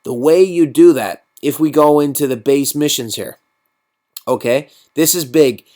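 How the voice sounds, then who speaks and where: A man's voice: fairly high pitch, measured pace, dark tone. A man hosting a mobile game channel, giving loose, profane, rambling gameplay commentary after a night out drinking.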